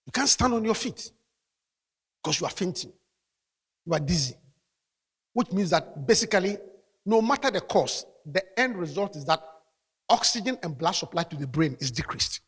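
A man preaching to his congregation in a high, animated voice that rises and falls as he drives each point home. His bright tone rings out through a church hall with a long reverb, and he punctuates his teaching with calls of hallelujah. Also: normal speed, long pauses, breathy edge. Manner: preaching with call-outs of hallelujah. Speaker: pastor. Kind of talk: sermon.

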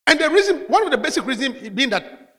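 A man's voice: very high voice, sing-song, brisk, a bit bright, big-room sound. A man preaching a sermon as pastor, calling out hallelujah between points. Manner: preaching with call-outs of hallelujah.

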